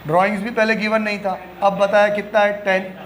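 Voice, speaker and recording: A man's voice: high-pitched, flat delivery, brisk, a little hiss or hum. A man teaching an accounting class, asking questions and answering them himself, mixing English terms into Hindi and teasing his students. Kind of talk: classroom lecture.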